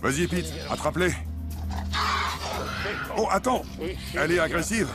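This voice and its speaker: A man's voice: a little high, expressive, a little slow. A man dubbing a focused wildlife catcher who comments on his work in a documentary. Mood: urgent. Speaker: animal catcher in a dubbed documentary. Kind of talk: dubbed documentary reality commentary. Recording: music behind the voice.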